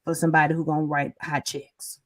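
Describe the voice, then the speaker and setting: Mid-pitched co-host who walks through a list of points in order. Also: flat delivery, a little fast, a bit bright. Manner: laying out points one by one. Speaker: podcast co-host. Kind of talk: casual faith talk.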